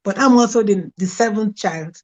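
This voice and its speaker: A middle-aged Nigerian woman with a Nigerian accent speaks at a moderate pace in a medium-pitched voice. As an interview guest, she frankly tells her life story. The sound is dull and lo-fi.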